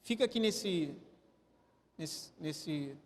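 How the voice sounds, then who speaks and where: A man with a Brazilian Portuguese accent preaching a sermon to a church congregation, animated and drawing listeners into a staged demonstration. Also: a little high, extremely slow. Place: church hall. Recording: church hall with long reverb.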